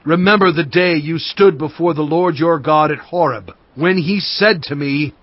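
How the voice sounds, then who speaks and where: An actor playing Moses, a solemn, fervent prophet exhorting his people in grave, measured, emphatic oratory for a dramatized scripture recording. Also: a little high, highs cut off, close to an everyday voice. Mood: solemn warning. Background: cinematic music.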